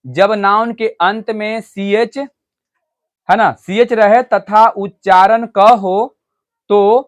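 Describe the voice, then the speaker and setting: A man teaching a classroom English grammar lesson. He explains step by step and keeps asking the students whether they have understood. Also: high-pitched. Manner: switches between loud stressed points and quiet asides to the class.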